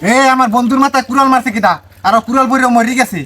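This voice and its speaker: A man's voice: extremely high pitch, fairly even intonation, rapid-fire, bright, forceful tone, exaggerated voice. A man playing an angry village friend who hurls accusations. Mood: accusing.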